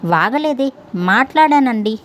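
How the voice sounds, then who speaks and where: A woman's voice: a little high, expressive, unhurried. A woman voicing a mischievous grown man who mocks his neighbor in a sly, playful way. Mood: teasing. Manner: sly, mocking.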